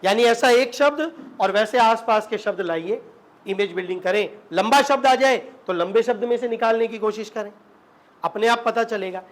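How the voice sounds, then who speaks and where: Guy teaching a class, pretty high voice, keeps asking the kids questions. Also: moderate pace. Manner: asks the class questions and repeats them; slips into local Rajasthani dialect. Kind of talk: classroom lesson explaining English spelling.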